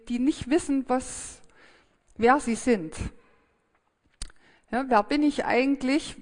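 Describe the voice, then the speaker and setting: A woman's voice: a little high, long reverb tail. A woman giving a sermon, thinking aloud in a hesitant, reflective way with frequent fillers and restarts.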